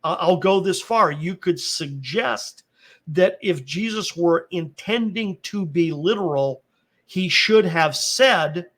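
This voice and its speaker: A man's voice: high-pitched, animated, slow, a bit bright. A man teaching a Bible passage in a conversational way, checking in with his listeners and carefully qualifying his points. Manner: explains step by step, often checking in with "right?" and "okay?"; cautious, qualifies his claims. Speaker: Bible teacher and podcast host.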